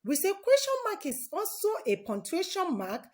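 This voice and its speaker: A woman's voice: very high-pitched, wildly swooping pitch, normal speed, a little mellow. A woman teaching an online lesson for children, repeating key words and quizzing her young pupils as she goes. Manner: repeats key words and asks the class questions.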